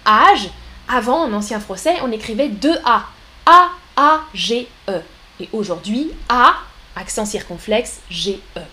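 Woman, French teacher on a live stream, slightly high voice, patient explanations, slow repeated examples, talks to chat. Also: animated, bright, forceful tone. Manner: explanatory, repeats words slowly for learners, addresses chat. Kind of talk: live-streamed language lesson.

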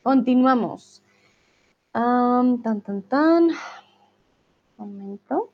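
Slow, patient woman teaching on stream. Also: on the high side, lively intonation. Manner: patient, explains slowly, chats with viewers. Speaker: Spanish teacher. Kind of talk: live-streamed lesson reading chat. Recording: dull lo-fi stream audio.

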